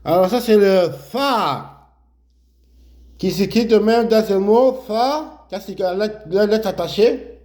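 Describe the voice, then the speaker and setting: A man's voice: high voice, slow pace, a little mellow. A man teaching Arabic letters step by step, explaining while he writes and repeating each sound many times. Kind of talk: slow step-by-step lesson.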